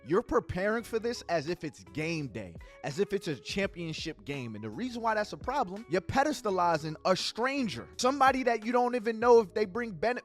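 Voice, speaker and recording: A man with a fairly high, very lively voice coaches his listeners. He acts out little sample exchanges as he goes. Soft music plays under him. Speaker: podcast host giving dating advice. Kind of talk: advice talk on a podcast.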